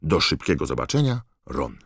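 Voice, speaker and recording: A man's voice: rumbling low, moderate pace, gravelly, breathy edge, dry recording, studio quality, exaggerated voice. A man voicing an eager, chatty teenage boy reading out his own letter in an audiobook. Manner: excited, rattling on.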